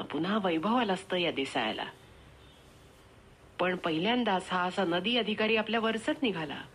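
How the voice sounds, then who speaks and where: A woman narrating a short story in a measured, expressive reading. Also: lowish voice, a little hiss or hum.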